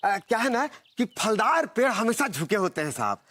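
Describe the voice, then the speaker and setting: An actor playing a wily beggar who pleads and flatters obsequiously. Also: male voice, high voice, moderate pace, dry recording, exaggerated voice. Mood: wheedling. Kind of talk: TV sitcom acting.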